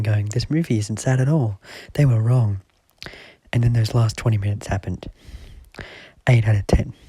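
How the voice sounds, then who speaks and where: A young man narrating a movie countdown in scripted voice-over, with a dry, deadpan delivery that often drops to a half-whisper. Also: lowish voice, husky, no room sound, rough recording. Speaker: movie ranking vlogger.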